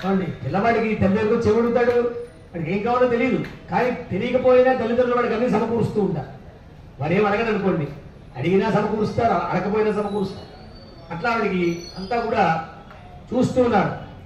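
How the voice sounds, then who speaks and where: Temple priest, man, high pitch; leads a fire ritual with slow chanting and brisk explanations, heard from far off in an echoey temple hall. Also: a little mellow, muffled recording, a little hiss or hum. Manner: slow sung chanting between quick spoken explanations.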